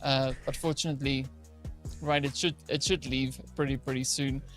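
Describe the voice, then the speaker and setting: This esports caster is co-casting a match, giving color commentary at length and tagging his points with "right?" Wordy, he fills his talk with "right?" and "like." His medium-pitched voice is a bit bright, with a flat delivery at a moderate pace and faint music in the background.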